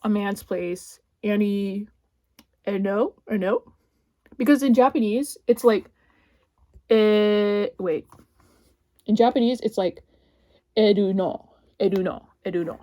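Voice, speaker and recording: A woman with a mid-range voice rambles casually about her latest book finds, her words full of "like" and restarts. She jumps into high, excited squeals now and then. The sound is close and dry, with no room echo. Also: slow, long pauses. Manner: chatty and rambling, heavy filler words, sudden squealy outbursts. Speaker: book vlogger.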